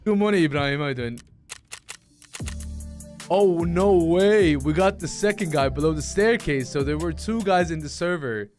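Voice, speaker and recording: A man's voice: on the high side, animated, fairly quick, few pauses, soft background music. A young man live-streaming a game, chatting casually and greeting his chat one by one in a laid-back way.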